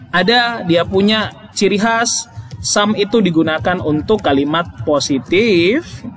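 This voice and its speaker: A male English teacher explains grammar in a lesson, emphatic and repeating key points while checking in with "oke?". His voice sits high and a bit bright, with a little hiss or hum in the audio.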